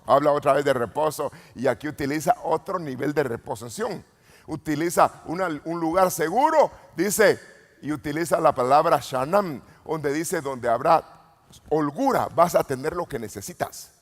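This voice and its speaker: A man preaching a Pentecostal sermon as an apostle, swinging from low murmurs to sudden shouts and calling out questions to the congregation. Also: normal speed. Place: church retreat hall. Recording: long hall reverb.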